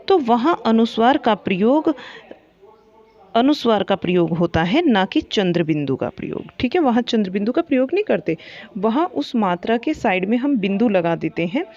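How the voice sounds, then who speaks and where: A woman's voice: fairly high pitch, a little mellow, muffled recording. A woman teaching a grammar lesson for exam preparation, asking questions and then answering them herself, and repeating the key points. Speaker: Hindi teacher.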